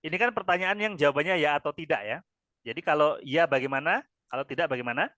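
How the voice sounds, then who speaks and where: A man's voice: a little high, fast talker, pushed and bright, no echo. A man with an Indonesian accent teaching English grammar to a class, ending nearly every phrase with "ya" and drilling answers. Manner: repeats "ya" after each phrase, drills answers with students.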